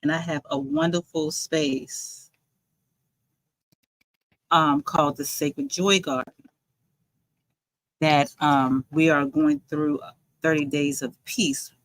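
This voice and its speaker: A woman's voice: deep voice, fairly even intonation, slow, pauses often, no echo, rough recording. A woman casually chatting on her livestream, rambling and reading viewer comments aloud as host. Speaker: livestream host and joy coach.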